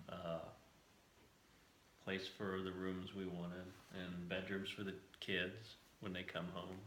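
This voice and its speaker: An American man applying for a house-hunting show speaks plainly and casually, as if in a conversational interview. He moved around the United States before settling in Southern Ohio, and his slow, low voice has little pitch movement and a fairly bright tone, recorded in an echoey room with faint background noise.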